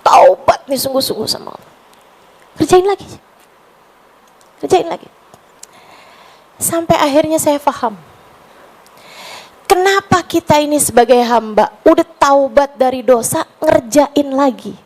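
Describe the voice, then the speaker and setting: High-voiced woman preacher from West Java. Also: unhurried, pauses often, rough recording. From West Java, Indonesia. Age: 40s. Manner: chatty, mixes Arabic phrases, slips into tearful pleading prayer. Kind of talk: casual sermon to a women's gathering.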